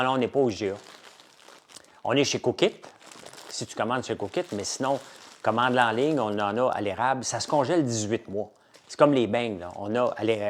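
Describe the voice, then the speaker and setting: A middle-aged man with a Québécois French accent, casually chatting with viewers on a live stream and enthusiastically pitching his products. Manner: chatty, enthusiastic salesman, lively and animated. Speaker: entrepreneur hosting a live chat.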